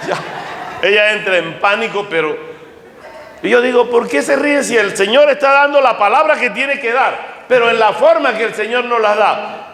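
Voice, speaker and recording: A man preaching from the pulpit with a high, ringing voice. He leans hard on slow, weighty phrases, then rushes through asides. The sound carries a long, roomy church reverb. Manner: preaching with lively swings between slow emphatic lines and quick asides. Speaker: pastor. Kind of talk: sermon. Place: church sanctuary. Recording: echoey church hall reverb.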